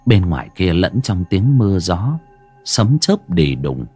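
A man narrating a horror story with dramatic, suspenseful pacing and sharp rises and drops. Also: low voice, very animated, measured pace, breathy edge, soft background music.

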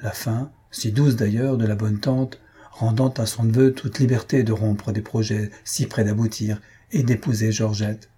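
Very husky, mellow male narrator. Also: on the low side, fairly even intonation, normal speed. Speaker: audiobook narrator. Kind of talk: audiobook reading.

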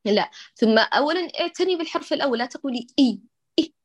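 A woman's voice: high voice, expressive, racing, no room sound. A woman teaching Quran recitation who patiently corrects her students, models each sound and praises them with many blessings. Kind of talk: online recitation correction lesson.

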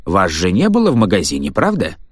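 Guy voicing a curt cop asking questions, low, dry sound. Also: wildly swooping pitch, a little fast, slightly rough, no room sound, full character voice. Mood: stern. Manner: brusque questioning. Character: stern male police officer, curt.

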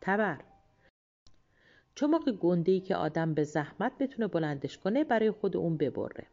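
A woman's voice: on the low side, big pitch swings, mellow, dull audio, faint music behind. A woman voicing a lazy, cheeky young peasant man, blunt and sluggish, for a storybook. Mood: commanding.

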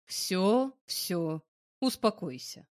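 A woman voicing a calm, self-assured young male boss who speaks in a low, level way in an audiobook. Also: normal speed. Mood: calm persuasive. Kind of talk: audiobook character voice.

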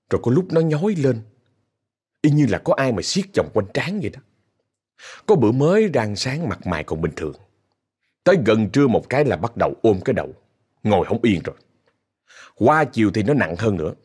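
Speaking straight to his audience, a ghost story narrator with a Southern Vietnamese accent tells his tale casually and chattily, sprinkling in indignant asides. His medium-pitched voice is very animated, a little fast, a little mellow, and breathy-edged, with long pauses.

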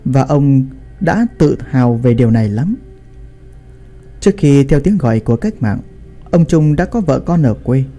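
A man narrating a family story in an expressive storytelling style. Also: medium pitch, moderate pace, long pauses, faint music behind.

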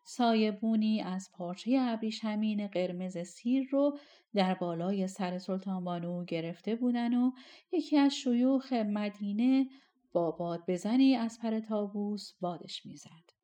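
Female audiobook narrator, colloquial and expressive, mid pitch. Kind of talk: storytelling narration.

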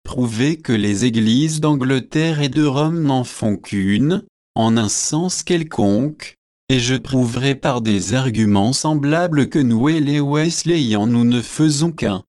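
Witty young student sparring in debate, read by a man, quick-minded but slow-spoken, audiobook. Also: medium pitch, darkish tone, no room sound, clean studio sound, natural voice. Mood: arguing. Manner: teasing, quick to argue. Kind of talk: audiobook reading.

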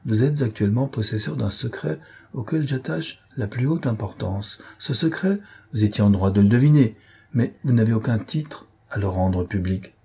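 A man voicing an imperious, menacing gentleman thief in an audiobook reading, with a forceful, threatening delivery. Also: medium pitch, normal speed, creaky, breathy edge.

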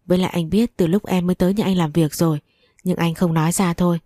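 A woman's voice: on the low side, fairly even intonation, fast, no echo, clean studio sound, lightly acted. A woman voicing a protective man comforting his partner, in a read-aloud story. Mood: tender. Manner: gentle and soothing. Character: protective loving man, angry then tender.

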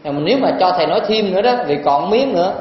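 A man's voice: sits high, animated, very fast. A male monk with a Southern Vietnamese accent gives a folksy, teasing dharma talk and keeps putting questions to the audience, in a very echoey temple hall. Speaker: Buddhist monk teacher. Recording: very echoey hall, dull lo-fi sound, faint noise.

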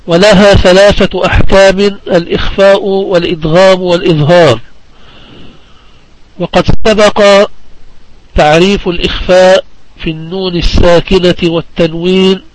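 A man from Palestine teaching the rules of Quran recitation in a deliberate classroom manner, repeating key phrases for his students. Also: sits high, low-quality recording. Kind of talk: religious lesson on recitation rules.

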